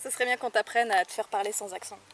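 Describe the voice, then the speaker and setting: An actress playing a gentle young woman disciple of a garden, patiently coaching someone. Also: mid-range voice, fairly even intonation, fast, soft background music, natural voice.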